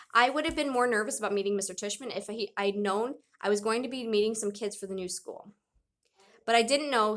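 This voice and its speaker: A woman's voice: medium pitch, fairly bright tone. A woman reading a children's novel aloud in a plain, conversational storytelling way. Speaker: read-aloud narrator.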